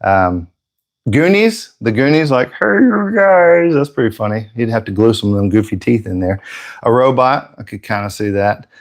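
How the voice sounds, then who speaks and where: A man's voice: on the low side, expressive, normal speed. A man hosting a live airbrush painting stream, chatting casually and joking with viewers, slightly out of breath.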